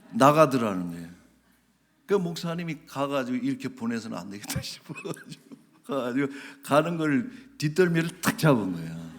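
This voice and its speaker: A man preaching as a pastor, telling a church story with animated delivery. His voice jumps up for quoted lines and sinks to near whispers, and he laughs as he goes. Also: mid-range voice. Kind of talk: sermon.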